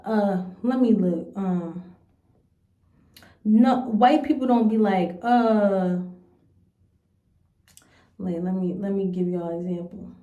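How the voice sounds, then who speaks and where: Slow-talking young woman in a roomy room. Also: mid-range voice, dull audio. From United States. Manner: earnest, rambling and hesitant. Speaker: vlogger. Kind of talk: casual reflective commentary to camera. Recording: roomy echo.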